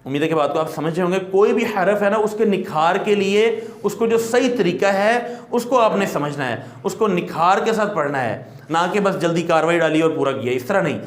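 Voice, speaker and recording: Male recitation teacher, high voice, patient explainer with long drawn-out sound demos, echoey room. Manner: explains patiently, then draws out letter sounds as long demonstrations. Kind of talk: classroom lesson.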